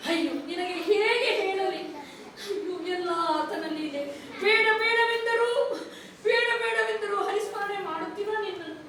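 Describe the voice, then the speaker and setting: A woman's voice: very high-pitched, moderate pace, fairly bright tone. A woman voicing an anguished queen and mother in a solo stage recitation of a mythological play, pleading and lamenting in half-sung phrases. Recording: echoey hall from far off, faint noise.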